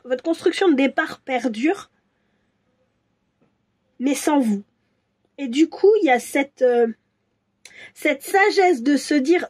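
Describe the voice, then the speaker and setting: A woman doing a casual tarot reading for viewers, musing and hesitant, with many restarts and soft asides. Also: high-pitched. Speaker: tarot reader.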